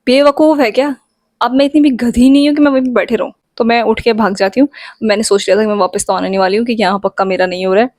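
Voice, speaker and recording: A woman's voice: a little high, steady tone, very fast, a little mellow, no room sound. Chatty young woman telling a story. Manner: chatty, playful, addresses viewers directly. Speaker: vlogger. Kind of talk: casual storytime.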